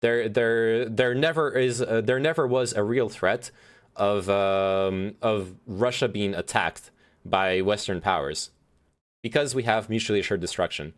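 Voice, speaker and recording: A young man with a voice on the low side speaks a little slowly while streaming about politics. He reads chat messages aloud and answers them, using lots of fillers and restarts and swearing without restraint.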